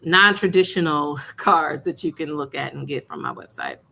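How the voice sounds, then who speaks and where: A woman's voice: low voice, huge pitch swings, normal speed, gravelly, sharp tone. A woman guest in a casual chat, explaining her greeting cards with frequent laughs. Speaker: guest, card maker.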